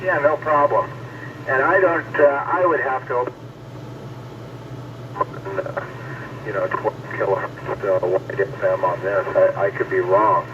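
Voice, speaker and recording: A hobbyist chats casually about technical matters over a two-way radio, explaining things hesitantly. His voice is fairly low, slow and full of pauses, and he sits far from the mic. The transmission sounds dull and noisy.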